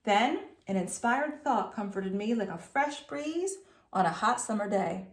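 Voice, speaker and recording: A woman's voice: medium pitch, animated, measured pace, roomy sound. A woman teacher reading a storybook aloud to students, telling it expressively and adding chatty asides.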